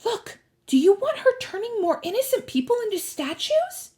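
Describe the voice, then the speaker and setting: A woman's voice: very high voice, very animated, moderate pace, a little mellow, voice pushed up. A woman voicing a brainy, bossy young girl heroine in an audiobook, urgent and insistent. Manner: insistent, matter-of-fact. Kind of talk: audiobook character voice.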